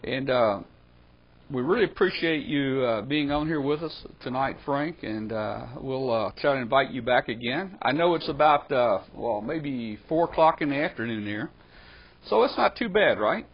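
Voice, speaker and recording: A man's voice: medium pitch, expressive, normal speed. A man hosting a live ham radio webcast, talking in an easygoing way with many trailing fillers. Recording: slightly dull webcast audio with faint noise.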